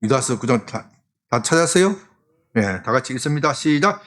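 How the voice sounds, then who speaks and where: A man preaching a sermon as senior pastor, animated and firing rhetorical questions at the congregation. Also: medium pitch, moderate pace.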